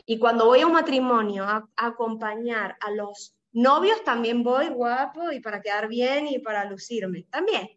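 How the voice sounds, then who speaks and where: A woman's voice: fairly high pitch, animated, normal speed, hardly any pauses, highs cut off. A woman with a Caribbean Spanish accent, leading a Bible study, explaining verses and often checking in with "¿no?" and "¿sí?". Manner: explanatory, asks listeners with frequent "¿no?" and "¿sí?".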